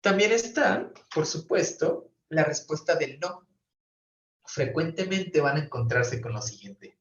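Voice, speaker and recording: Over a video call, captured by a computer mic with roomy, distant, dull audio, a man teaches brief therapy as a professor. His fairly high, fairly bright voice has lively intonation and a slightly slow pace. He walks through the material step by step, frequently checking in with students.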